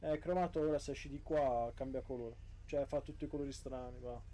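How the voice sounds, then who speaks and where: A man's voice: mid-range voice, steady tone, brisk, a loud crowd. A man in casual, slangy gaming chat, playing along as a garage mechanic. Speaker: mechanic in an online role-play garage.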